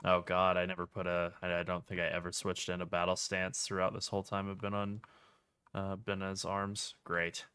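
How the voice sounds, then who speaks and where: A man streaming a video game, chatting casually with dry, relaxed jokes. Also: low voice, normal speed, smooth, no room sound. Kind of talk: casual gameplay commentary.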